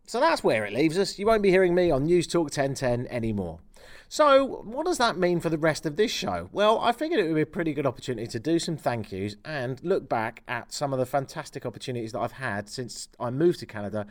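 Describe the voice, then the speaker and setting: Self-mocking English radio host, lively pitch. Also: male voice, a little fast. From England. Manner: self-mocking, ranting, dry humor. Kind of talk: farewell radio show talk.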